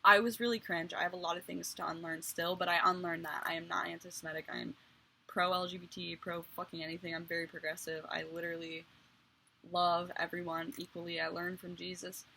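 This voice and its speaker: A woman's voice: lowish voice, little pitch movement, brisk, gravelly, pushed and bright, slight background noise. A young woman telling her own life story in a casual vlog, blunt, crude and self-mocking. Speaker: vlogger.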